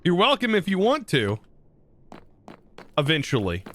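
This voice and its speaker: A man's voice: high-pitched, wildly swooping pitch, unhurried, a bit bright. Chatty streamer man in his thirties. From United States. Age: 30s. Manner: rambling, joking, talking to chat between actions. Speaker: live streamer. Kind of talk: casual gameplay chat with viewers.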